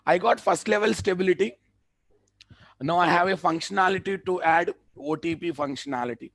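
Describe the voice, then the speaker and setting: A man with a Telugu Indian accent giving a live software tutorial as a trainer, repeating phrases for emphasis and checking that the class follows. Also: high-pitched, fairly quick, gravelly, no echo.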